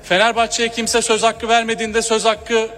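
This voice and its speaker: A man speaking from a podium microphone in a large hall as he addresses a general assembly. He delivers a formal, measured speech with hesitating fillers. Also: very high-pitched, completely flat delivery, fairly bright tone. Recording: long hall reverb, faint room noise.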